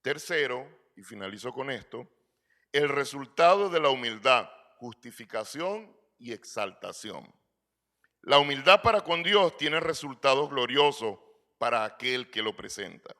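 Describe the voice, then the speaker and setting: A man's voice: mid-range voice, expressive, measured pace, bright, forceful tone. A middle-aged man preaching a sermon in earnest, asking rhetorical questions and calling his listeners brother. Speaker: pastor.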